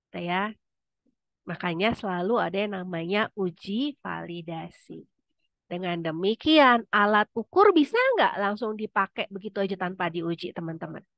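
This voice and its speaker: A woman's voice: medium pitch, gravelly, a bit bright, no echo. Woman lecturer running an online class, chatty and questioning, dry recording. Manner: conversational, asks students questions.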